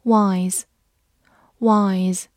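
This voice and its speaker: A woman slowly reading out vocabulary words, saying each word twice in a measured way before its meaning. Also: mid-range voice, little pitch movement, a little mellow, dry recording, studio quality. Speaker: vocabulary reader. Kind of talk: slow scripted word drill.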